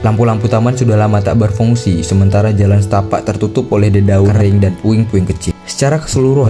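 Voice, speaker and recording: A man reading a scripted horror narration as a storyteller. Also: lowish voice. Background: background music.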